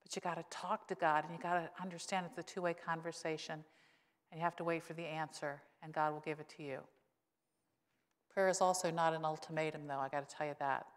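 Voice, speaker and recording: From a church pulpit microphone, a woman in her sixties who serves as a pastor preaches in a conversational way with wry humor. She says illness has made her voice lower, and the sanctuary leaves a long reverb.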